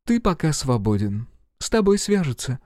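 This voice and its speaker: A man's voice: a little high, very animated, normal speed, darkish tone, dry recording, studio quality. A man reading an audiobook voices a cold, determined female agent who gives commands. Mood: stern.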